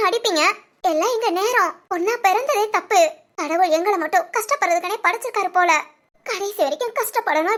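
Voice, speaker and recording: A woman voicing a tearful young wife who complains bitterly, her voice breaking into sobs, in an animated family story. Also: very high-pitched. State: crying.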